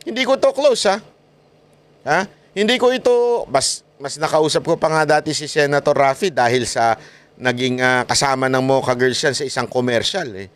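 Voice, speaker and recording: A Filipino vlogger delivers lively political commentary, laughing often as he mocks his critics. His voice sits in the mid range, moving at a moderate pace with a clean tone.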